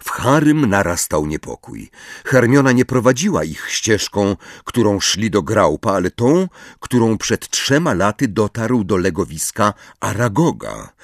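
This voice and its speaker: A man reading an audiobook in measured, expressive scripted narration. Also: on the low side, no echo, clean studio sound.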